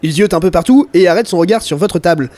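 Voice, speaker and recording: A man narrating a tabletop game as game master, in a lively, animated way. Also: high-pitched, quick pace, slight background noise.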